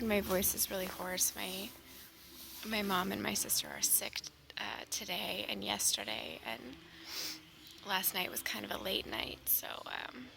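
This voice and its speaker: With a creaky, mid-range voice, a young Pacific Northwest vlogger from Washington State chats openly and casually on camera, mocking herself now and then. She is a young adult.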